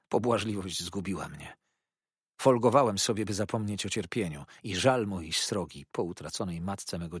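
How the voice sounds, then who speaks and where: A man's voice: sits low, husky, dry recording, clean studio sound, exaggerated voice. A man voicing a broken, despairing old father. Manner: lamenting, pleading. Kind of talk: audiobook character voice.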